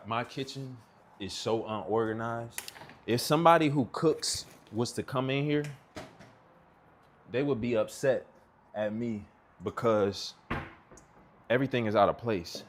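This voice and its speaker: A man in his thirties with a Texan accent and a fairly low voice chats casually in his home kitchen as a cooking vlogger. He rambles in a laid-back, slangy way while he cooks, with slight background noise.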